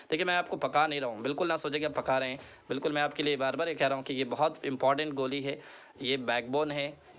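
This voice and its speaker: A man with a fairly high voice teaches an online lesson in Hindi and English. He says each word slowly and repeats it for the listener to echo. He earnestly urges them to practise every day. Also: a bit bright. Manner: earnest, pleading tone.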